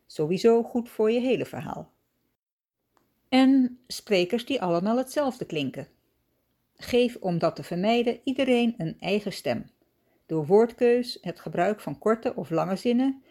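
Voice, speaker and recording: A woman hosting a writing-tips podcast, reading a scripted lesson in a calm, measured, instructive way. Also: medium pitch.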